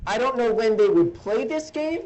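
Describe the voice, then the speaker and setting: A high-voiced man delivers informal sports updates in a rambling, exclamatory way. He speaks into a handheld voice recorder outdoors, so it sounds like a dictaphone recording with noise around him. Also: expressive, moderate pace, darkish tone, highs cut off. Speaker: high school baseball broadcaster. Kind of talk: informal solo rain update commentary. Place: outdoors by a door in a rainstorm.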